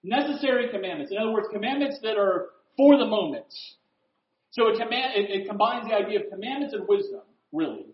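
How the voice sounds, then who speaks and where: High-voiced preacher in an echoey room. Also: male voice, expressive, a little fast. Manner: conversational, asks rhetorical questions, swings between loud emphasis and quiet asides. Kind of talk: sermon. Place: room with a board. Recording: roomy, dull lo-fi recording.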